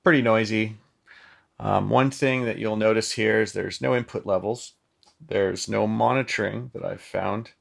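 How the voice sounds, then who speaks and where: A man's voice: lowish voice, fairly even intonation, a little slow, gravelly. A man giving a casual, chatty product demo of a synth, with loose phrasing and lots of filler ums. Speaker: synth demonstrator. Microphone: microphone plugged into the synth.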